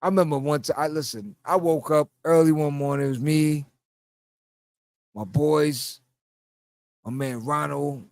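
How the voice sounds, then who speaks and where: With a slightly high voice, a measured pace and long pauses, the middle-aged New York podcast host casually shares stories, laughing and acting out the voices he quotes. There is no echo.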